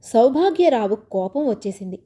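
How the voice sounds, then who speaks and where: Woman storyteller, calm comic-story narration, slightly high and mellow. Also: moderate pace. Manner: calm, lower-pitched narration. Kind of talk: reading a comic short story aloud.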